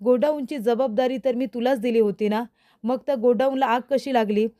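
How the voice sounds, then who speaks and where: A woman's voice: a little high, fairly even intonation, brisk, dark tone, no room sound, clean studio sound, lightly acted. A woman reading a questioning male boss. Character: middle-aged male employer questioning worker.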